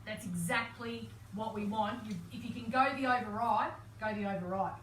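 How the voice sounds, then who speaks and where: Chatty aussie lady cooking at home, kinda high voice, roomy kitchen sound, mic a bit far off, background hiss. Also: normal speed, fairly bright tone. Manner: chatty, bubbly, laughs often. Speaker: cooking show co-host. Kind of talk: casual live-stream cooking chat.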